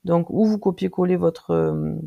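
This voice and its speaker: Tutorial presenter, casual screen-recording, very creaky and mellow, hesitant with lots of fillers. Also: medium pitch, fairly even intonation, highs cut off. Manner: hesitant, frequent filler pauses while clicking through; friendly, addresses viewers directly.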